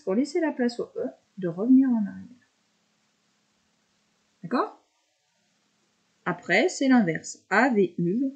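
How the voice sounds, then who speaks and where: A woman teacher explains a handwriting lesson to young pupils, describing every stroke as she makes it. Her voice is mellow and soft-edged, patient and encouraging. The recording sounds a little dull and lo-fi. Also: fairly high pitch. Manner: slow step-by-step verbalizing, patient.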